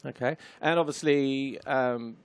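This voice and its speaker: A man's voice: mid-range voice, fairly even intonation, unhurried, clear, resonant tone. A man presenting a studio interview show, asking long, winding questions in a chatty way.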